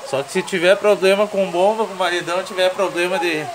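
A fast-talking man from southern Brazil walks through a home recipe with a playful, colloquial style, his intonation fairly even and his pitch high. Behind him, frying and stirring sizzle distinctly, making the kitchen recording noisy.

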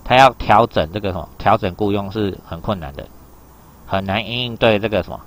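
A man's voice: fairly low pitch, a little fast. A man teaching an exam reading lesson, explaining in a loose chatty way and keeping asking his students whether they follow. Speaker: Japanese teacher.

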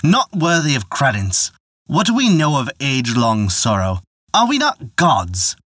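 A man's voice: mid-range voice, wildly swooping pitch, measured pace, a bit bright, dry recording, clean studio sound, pitched above the performer's own voice, exaggerated voice. A man voicing a stern, angry old male sky god who scolds his daughter in a told folktale. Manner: scolding, imperious. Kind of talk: storybook narration.

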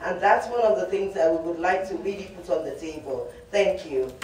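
A committee member giving panel remarks with measured, deliberate phrasing. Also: medium pitch, lively intonation, very noisy. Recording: very echoey room from far off.

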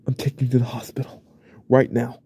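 Man doing obsessive young husband, whispered role-play, very dark gravelly voice, breathy, slow stammering delivery. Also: mid-range voice, fairly even intonation, heavily acted. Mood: panicked. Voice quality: husky, gravelly, often whispered. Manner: stammering, repeating himself, broken-off sentences. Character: unstable remorseful young husband, obsessive and pleading. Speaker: ASMR role-play creator.

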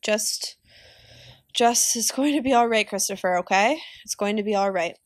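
A woman's voice: medium pitch, normal speed, dry recording, clean studio sound, lightly acted. A woman reading the lines of a tired, tense mother, weary and clipped.

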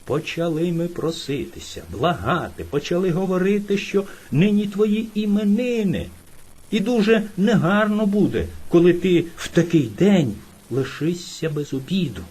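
A woman voicing a timid but cunning little male hare in a folk-tale reading, speaking politely and with flattery. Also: lowish voice, normal speed, husky. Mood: sly. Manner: polite, fawning, sly.

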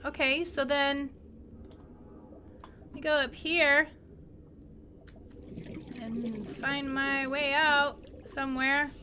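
A woman playing a video game and commenting excitedly, talking to the creatures she meets. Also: high voice, very slow, long pauses, a little hiss or hum. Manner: excitable, exclaiming, talks to creatures. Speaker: gameplay streamer. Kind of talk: let's play commentary.

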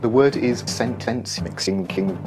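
A man's voice: on the low side, unhurried, over music. A man in his thirties speaking in choppy, edited phrases.

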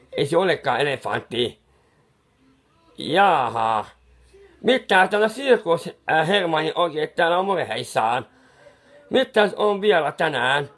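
Brief: a muddled, fussy clown who paints and rambles, pitch swooping up and down, mutters and restarts, as a man acts him out. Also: fairly bright tone. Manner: soothing, scolding someone who cries. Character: bumbling, befuddled male clown painter, fussy and kindly. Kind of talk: comic improvised monologue.

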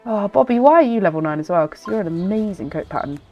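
A woman's voice: medium pitch, animated, fast, a little mellow, highs cut off, faint music behind. A woman with a nasal, blocked-nose voice from a cold, chatting casually and ramblingly as she hosts gameplay commentary. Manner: chatty, rambling, self-interrupting. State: congested with a cold. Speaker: gaming video host.

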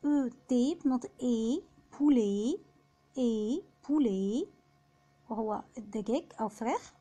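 A woman with an Egyptian Arabic accent giving an online French pronunciation lesson, patiently repeating each example word slowly. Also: on the high side, a little mellow. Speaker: French teacher.

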